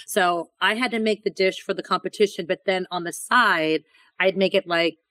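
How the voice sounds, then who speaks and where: Chef guest, woman, chatty storyteller, slightly low voice, dry recording. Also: moderate pace, no echo, rough recording. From born in Thailand to Laotian parents. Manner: chatty, animated storytelling with repeated words. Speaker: chef and restaurant owner. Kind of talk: casual interview conversation.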